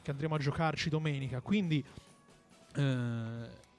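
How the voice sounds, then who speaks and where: A football pundit and co-host speaks in an unhurried, mid-range voice with a darkish tone, faint music behind him. His match commentary and analysis are conversational, and he often searches for words and repeats himself.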